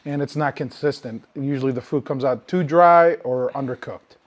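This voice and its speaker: At a moderate pace and medium pitch, this podcast co-host meanders through anecdotes in laid-back chat. His talk is loose and full of cursing, livening up whenever he launches into a story.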